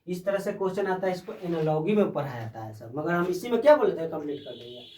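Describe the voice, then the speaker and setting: A male teacher lectures a class in a fairly high voice, spelling letters out one by one and asking his students questions. He stands well back from the mic in a roomy, echoing classroom. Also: big pitch swings, fast talker, darkish tone, a little hiss or hum. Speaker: reasoning teacher. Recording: echoey room, voice far from the mic.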